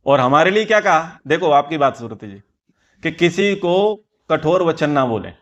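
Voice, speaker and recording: A man's voice: fairly high pitch, very animated, normal speed, fairly bright tone, muffled recording. A man teaching a scripture class, explaining earnestly and repeating key phrases for emphasis. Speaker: Vedic teacher.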